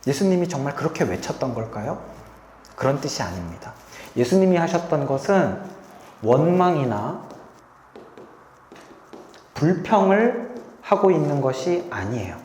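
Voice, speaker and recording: A pastor delivers a Sunday sermon in a storytelling way, often inviting the congregation to read along. The pitch rises and falls with lively expression. The voice rings back from the walls of a large church hall with a long echo. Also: measured pace, long pauses, slight background noise. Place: church sanctuary. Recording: echoey hall with long reverb.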